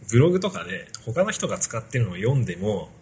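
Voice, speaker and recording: A man chatting casually as a guest on a tech podcast, explaining in an animated way. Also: on the low side, fast talker, slight background noise.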